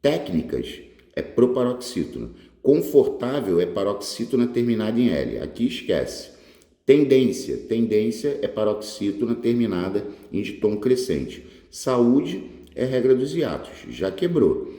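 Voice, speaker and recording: A man's voice: medium pitch, sing-song, a little slow, warm tone. A man from Brazil, an exam prep teacher going through test answers in an informal way, drawing words out and checking in with short questions. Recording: echoey room, long reverb.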